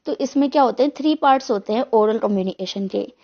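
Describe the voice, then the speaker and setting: A woman's voice: fairly high pitch, fast talker, lo-fi sound. A woman teacher giving an online exam-prep lecture, explaining step by step and answering her own questions.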